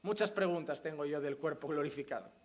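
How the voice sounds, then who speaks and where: A young man preaches with fervor. His sermon swings between hushed, sorrowful passages and soaring, shouted proclamations. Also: a little high, fairly quick.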